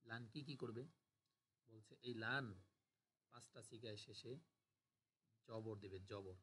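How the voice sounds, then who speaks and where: A man's voice: fairly low pitch, unhurried, sharp tone. Guy teaching an online class, patient, says each form over and over, faint noise behind. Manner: patient, repeats forms aloud for drilling. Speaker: Arabic grammar teacher.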